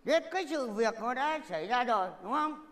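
A woman's voice: a little high, animated, a little fast, close to an everyday voice. A woman acting a bossy, tipsy old patriarch who scolds and lectures his family in a stage comedy sketch. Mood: lecturing.

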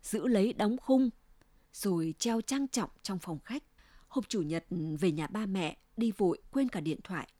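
A woman reading a first-person family story aloud in a steady, confiding way. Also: mid-range voice, measured pace, no echo. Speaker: narrator.

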